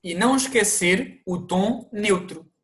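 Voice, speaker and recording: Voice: mid-range voice, measured pace, a bit bright. A teacher with a European Portuguese accent, narrating an online language lesson and explaining things to viewers, with the odd restart.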